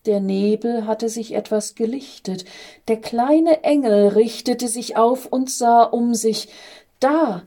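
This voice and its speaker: Sex: woman. Role: storyteller. Style: reading a story aloud. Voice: slow, mellow, calm. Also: fairly high pitch.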